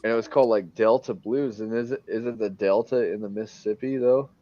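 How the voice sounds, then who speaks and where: A man's voice: fairly low pitch, steady tone, a little fast, dark tone. A man who drives trucks, chatting casually and rambling with lots of "like" and frequent laughs. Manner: rambling, heavy on "like", laughs often. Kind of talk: casual group chat. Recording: dull lo-fi recording.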